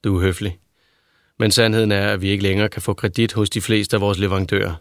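A man voicing a calm, persuasive young man who speaks slowly and patiently in an audiobook. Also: on the low side, clean tone, dry recording, clean studio sound. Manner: slow, soothing, measured.

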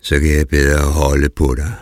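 A man's voice: completely flat delivery, no room sound, studio quality. A man growling as the big bad wolf. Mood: menacing. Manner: deep growling menace. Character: big bad male wolf, sly and greedy.

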